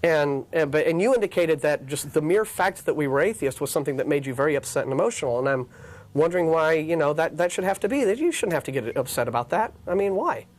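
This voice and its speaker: A man's voice: a little high, animated, fast. An American man hosting a call-in show, reasoning and questioning insistently in unscripted debate. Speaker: host of an atheist call-in show.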